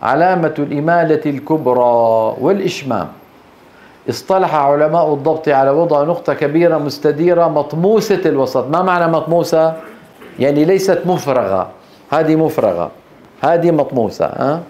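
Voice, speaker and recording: A man's voice: on the high side, a little mellow. Teacher explaining to his class. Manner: explains step by step, quizzing students with quick questions. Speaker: Quran recitation teacher. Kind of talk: classroom lecture on tajweed.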